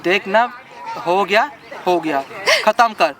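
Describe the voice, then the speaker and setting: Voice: mid-range voice, expressive, takes it slowly, a bit bright, slight background noise. An actor playing a brash young husband who coldly brushes off his wife and keeps asking "right?". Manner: bossy, repeats "ठीक है?" constantly. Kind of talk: family drama skit acting.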